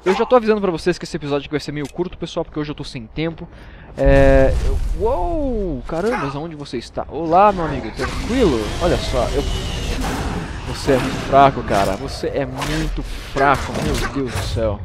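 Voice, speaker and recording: A man's voice: on the high side, lively intonation, moderate pace, music in the background. A Brazilian man hosting a comic let's play, chatting with viewers and exclaiming often. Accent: Brazilian Portuguese. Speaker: gaming channel host.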